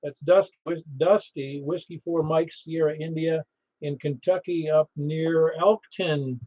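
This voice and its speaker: A man's voice: fairly high pitch, steady tone, a little slow. A chatty, rambling man casually hosting an amateur radio net, reading out call signs. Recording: slightly dull radio recording.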